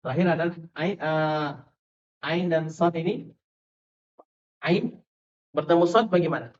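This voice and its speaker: A man giving a teacher-training lesson on Quran recitation rules, quizzing his listeners and spelling out letter names slowly. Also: on the high side. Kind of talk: teacher training lecture on tajwid. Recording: dull lo-fi lecture recording.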